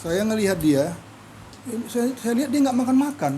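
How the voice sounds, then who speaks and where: Animated storyteller, a man. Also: very high-pitched, a little fast, slight background noise, poor audio. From Medan, Indonesia. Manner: animated storyteller who acts out quoted dialogue. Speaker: guest. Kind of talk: personal testimony in an interview.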